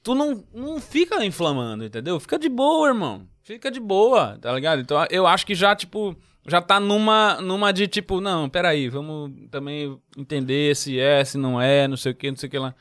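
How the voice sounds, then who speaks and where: A man from Brazil chatting casually on a podcast. He talks in slang with lively swings, his voice sitting a little high. He often trails off and restarts his sentences. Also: a little fast, few pauses. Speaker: podcast host. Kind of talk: casual chat.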